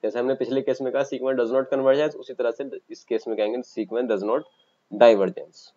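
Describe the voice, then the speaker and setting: A man with an Indian accent teaching a math lesson for exam coaching, explaining step by step and pausing as he writes. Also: mid-range voice, steady tone, mellow, lo-fi sound. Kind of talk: online exam-coaching lecture.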